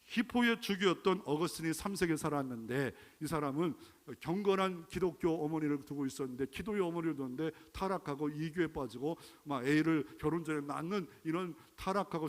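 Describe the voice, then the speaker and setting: Korean pastor preaching with echoing reverb. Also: male voice, a little high, a little fast, few pauses. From Chungcheong, Korea. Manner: preaching with rising, emphatic exclamations and rhetorical questions. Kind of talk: sermon. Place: church sanctuary.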